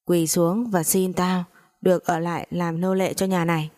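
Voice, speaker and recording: A woman's voice: lowish voice, flat delivery, normal speed, a little mellow, lightly acted. A woman voicing a cruel, domineering older mother-in-law in a spoken story, scolding harshly.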